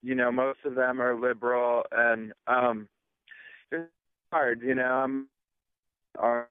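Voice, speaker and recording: A man's voice: mid-range voice, level tone, takes it slowly, clear, resonant tone, dry recording. A man calling into a radio talk show, speaking hesitantly with many fillers over a crackly cordless phone line that keeps cutting in and out.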